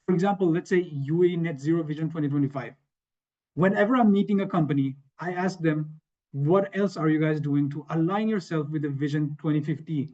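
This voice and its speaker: On an online webinar panel, a Swedish man with a fairly high, dark-toned voice talks conversationally over slides, often repeating phrases and checking in with "right?". The video-call audio sounds dull and lo-fi.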